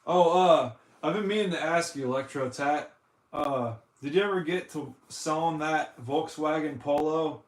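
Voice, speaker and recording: This American live-streamer has a fairly high-pitched voice and talks a little slowly, rambling jokily and saying "dude" constantly as he cleans consoles. His room echoes.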